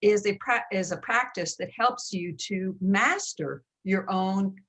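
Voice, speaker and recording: A woman hosting a live online interview, briskly introducing her guest and taking questions from the chat. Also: medium pitch, fairly bright tone. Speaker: host, interviewer. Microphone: video call.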